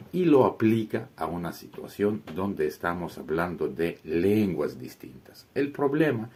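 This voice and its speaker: A man's voice: low voice, a little mellow, husky. A man hosting a language video, explaining point by point in a firm, matter-of-fact way as he rebuts a comment.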